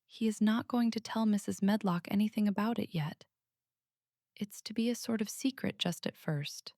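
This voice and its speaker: A woman voicing an earnest, matter-of-fact little girl who speaks softly but firmly, in a storybook reading. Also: medium pitch, moderate pace, no echo, clean studio sound, voice pushed up, close to an everyday voice.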